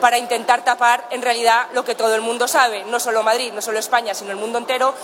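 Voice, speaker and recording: A woman's voice: a little high, little pitch movement, fast, crowd noise. A female opposition spokesperson making an indignant, insistent political statement.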